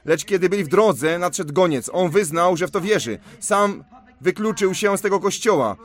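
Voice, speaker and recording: A man's voice: sits high, expressive, moderate pace. A man preaching a sermon, retelling stories with emphatic, storytelling delivery.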